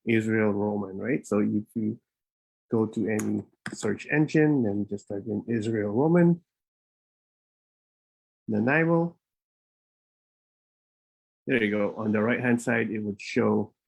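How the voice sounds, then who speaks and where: A man's voice: on the low side, slow pace, creaky, pauses often, darkish tone, breathy edge. A man hosting a live webinar, talking informally, with many fillers and restarts. He is a bit out of breath and speaks into a laptop mic. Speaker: immigration consultant and webinar host.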